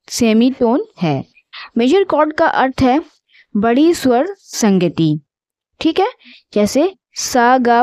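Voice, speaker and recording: A woman teaching an exam-prep lesson, reading options slowly and repeating each answer. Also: on the high side, a little mellow, dry recording. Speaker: music exam tutor.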